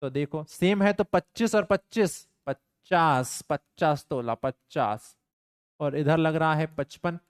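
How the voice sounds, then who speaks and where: A man's voice: on the high side, takes it slowly, clear, resonant tone, dry recording, studio quality. A young man teaching physics in a live online class, mixing stern banter with his students into worked problems. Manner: playful, scolding students in banter.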